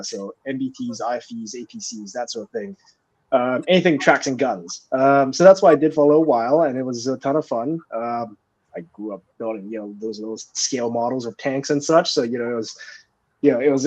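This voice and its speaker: A man answers interview questions, explaining things in a measured way with plenty of small fillers. His pitch is middling, and his audio comes through a slightly dull, lo-fi remote connection. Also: darkish tone. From Singapore. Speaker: guest, company founder.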